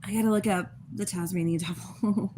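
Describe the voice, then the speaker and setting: A woman's voice: mid-range voice, fairly even intonation, normal speed, mellow, slight background noise. Chatty young woman livestreaming. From Texas. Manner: rambling, chatty, laughs often. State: just woken up, eating while talking. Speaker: livestream host. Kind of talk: casual livestream chat.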